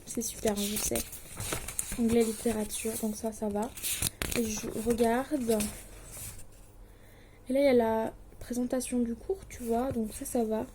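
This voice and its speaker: In a fairly high, mellow voice with little pitch movement, a Swiss woman in her late teens talks a little slowly and pauses often as she vlogs casually about her distance-learning studies. She's hesitant, anxious and self-deprecating, leaning on fillers, and there's a slight hiss or hum.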